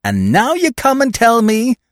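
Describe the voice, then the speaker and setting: Scornful, tense woman crook, high and loud, as a male reader puts her on, storybook. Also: huge pitch swings, a little slow, no echo, studio quality, exaggerated voice. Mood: scolding. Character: fierce scolding woman crook, poetess.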